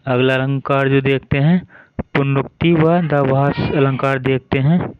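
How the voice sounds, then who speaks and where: A man's voice: medium pitch, steady tone, measured pace, clean tone, dry recording, dull audio. A man teaching a Hindi grammar lesson, explaining each term step by step and reading verse examples.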